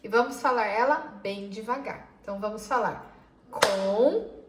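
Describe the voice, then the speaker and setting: A Brazilian woman teaching a school lesson to children, explaining patiently, spelling words out slowly and calling her pupils affectionate names. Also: medium pitch, echoey room, very noisy. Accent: Brazilian Portuguese.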